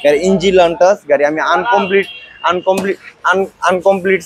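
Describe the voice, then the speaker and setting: A Bangladeshi man giving an unscripted showroom sales pitch, with a used-vehicle dealer's boastful, repetitive patter. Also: fairly even intonation, brisk, crowd noise.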